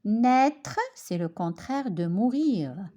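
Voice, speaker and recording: A woman teaching French pronunciation, who says each word clearly and deliberately and repeats it, as in a spoken language lesson. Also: on the high side, big pitch swings, darkish tone.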